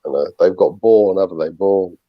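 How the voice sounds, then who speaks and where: A man's voice: deep voice, normal speed, no room sound, muffled recording. A man from Britain co-hosting a casual call-in chat, laughing often as he talks. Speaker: podcast co-host.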